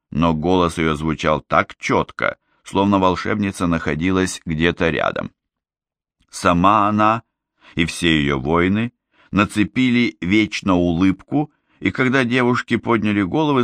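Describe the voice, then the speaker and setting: A man reading an audiobook in steady scripted narration. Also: deep voice, dry recording.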